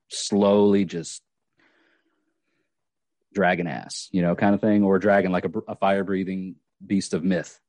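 A man's voice: sits low, darkish tone, no room sound. A man hosting a casual podcast, rambling with many fillers and restarts. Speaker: podcast host.

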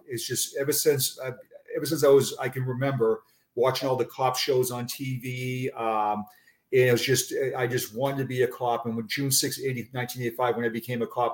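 Middle-aged Boston man, halting and conversational. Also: medium pitch. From Massachusetts, United States. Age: 50s. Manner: halting, repeats words and phrases. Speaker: interview guest, retired police officer. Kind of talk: conversational personal account.

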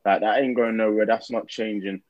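A man's voice: fairly low pitch, steady tone, fairly quick, no echo, dull audio. A man with a London roadman accent hosting a casual podcast chat in slangy, laid-back talk. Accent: London roadman (urban slang). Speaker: podcast host.

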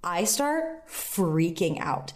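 A woman in her twenties, a podcast co-host, telling a story in casual chat, animated and swearing casually. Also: fairly low pitch, extremely slow, crowd noise.

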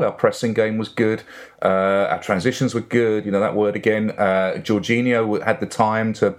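Middle-aged male football podcast guest, low-pitched, Essex accent, casual conversational delivery. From Essex and east London, England.

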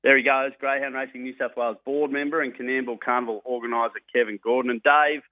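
Man, Australian accent, matey colloquial sports presenter, mid-pitched, close dry radio sound. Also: steady tone, fast talker, dry recording, phone-quality sound. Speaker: radio greyhound racing presenter and tipster. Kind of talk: casual sports radio interview and racing tips.

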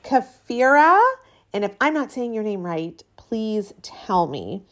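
A woman in her late thirties hosts a solo podcast, talking in a casual, chatty, informal way. Her voice is medium in pitch, very animated, and a little slow. She's recording in a cabin with a metal roof while rain falls.

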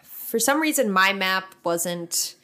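A young woman co-hosting a podcast, telling an animated story with swearing and frequent laughter. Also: medium pitch, slow. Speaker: podcast co-host. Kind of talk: casual chat.

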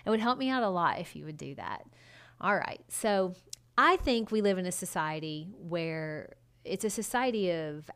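Emphatic woman podcaster chatting casually. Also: fairly low pitch. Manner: conversational, emphatic, direct address to listeners. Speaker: podcast host and design consultant. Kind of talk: casual solo podcast talk.

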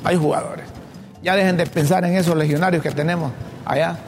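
Gravelly-voiced Honduran man co-hosting. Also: a little high, fairly even intonation, fairly quick, long reverb tail, faint music behind. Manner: conversational, reads news notes aloud, hesitant restarts. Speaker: talk show co-host. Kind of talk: casual political chat.

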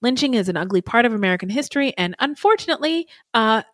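A woman's voice: fairly high pitch, expressive, quick pace, dry recording. A woman co-hosting a casual podcast, chatting with lots of ums and restarts. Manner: chatty, many fillers and restarts. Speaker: podcast co-host.

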